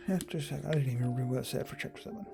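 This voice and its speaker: Man reading a visual novel aloud, gravelly, dark tone, casual asides, faint guitar behind. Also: mid-range voice, racing. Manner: casual asides between narration. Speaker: story reader.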